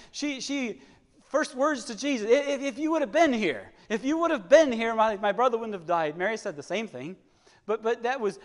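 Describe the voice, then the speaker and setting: Guy in his 30s preaching, high voice, keeps restarting words, big echoey church hall. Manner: earnest, halting, repeats words while searching for them. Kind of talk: sermon. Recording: long hall reverb.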